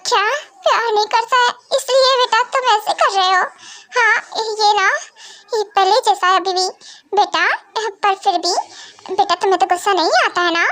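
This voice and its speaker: A woman's voice: very high-pitched, fairly even intonation, moderate pace, sharp tone. Brief: woman reading a protective vampire mother, motherly and firm, fan drama. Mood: soothing. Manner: soothing then scolding. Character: caring scolding vampire mother.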